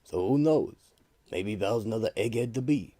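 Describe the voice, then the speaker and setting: A man playing a gruff, warm-hearted tough-guy uncle in a comic-book radio play, slangy and plainspoken. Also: lowish voice, lively intonation, normal speed, pitched above the performer's own voice. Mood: joking.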